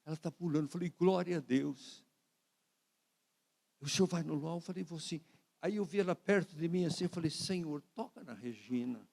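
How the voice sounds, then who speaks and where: A man with a Brazilian Portuguese accent preaching a sermon as a pastor, telling a story with lively shifts of voice as he acts out what others said. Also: a little high, normal speed, creaky. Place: church sanctuary. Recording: reverberant church hall.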